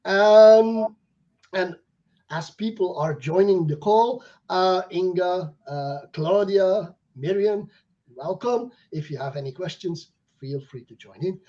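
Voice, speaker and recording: A man's voice: high voice, takes it slowly, dark tone, lo-fi sound. A man hosting a live online chat, talking casually with frequent fillers and restarts. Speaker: host.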